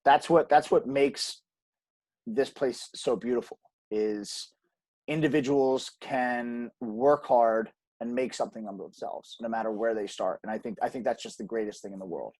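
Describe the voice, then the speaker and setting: A man's voice: medium pitch, moderate pace, darkish tone, husky, dry recording. A man speaking earnestly as a podcast guest, emphatic, with frequent restarts and ums. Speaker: podcast guest, gym co-owner. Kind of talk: conversational interview.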